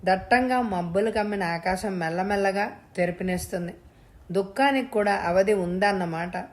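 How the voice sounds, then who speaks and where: A woman narrating a family novel in first person, telling the story in a steady reading voice. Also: mid-range voice, moderate pace.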